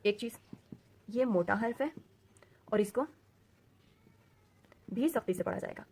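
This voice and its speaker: A woman teaching Quran reading in a recorded lesson. She explains slowly and patiently, mixes English words into her teaching, and repeats letter sounds over and over for drills. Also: medium pitch, darkish tone, slightly rough.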